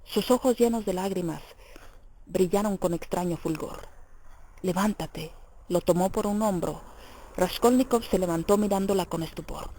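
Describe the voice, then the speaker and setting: A woman narrating a classic novel as an audiobook in a measured storytelling manner. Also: fairly low pitch, mellow, slight background noise, low-quality recording.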